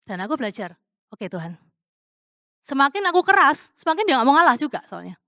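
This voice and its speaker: A woman preacher with a somewhat high voice gives a relaxed, testimony-style sermon. She talks like she is chatting with friends, slips English words in, and keeps throwing rhetorical questions to the congregation. The sound is close and dry, with no room echo. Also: fast talker. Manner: chatty and conversational, with frequent fillers and English words mixed in.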